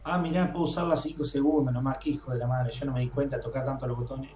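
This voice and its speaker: A young man with a Rioplatense Spanish accent commentating a game, excitable, swearing, and screaming when chased. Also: mid-range voice, fast. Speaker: gameplay streamer. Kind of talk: gaming commentary. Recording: echoey room, faint noise.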